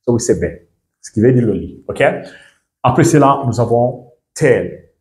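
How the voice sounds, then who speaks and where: A man's voice: mid-range voice, lively intonation, measured pace, a little mellow. A young Guinean man with a Guinean French accent, teaching a bilingual pronunciation lesson and often checking that listeners understand. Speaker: English and German teacher.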